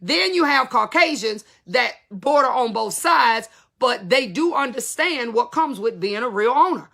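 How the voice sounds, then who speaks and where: A woman in her fifties talks straight to her viewers about running a salon, candid and emphatic, full of casual slang. Her voice sits a little high and sounds bright and forceful. A gravelly fry runs under many of her words. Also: expressive, a little slow. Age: 50s. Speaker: salon business educator.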